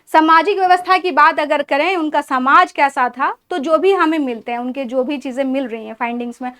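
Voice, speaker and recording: This high-voiced female teacher leads an exam-prep history lesson, breaking every point down step by step and supplying answers to the questions she puts to the class. Her delivery is brisk and fairly bright as she ticks through lengthy lists item by item.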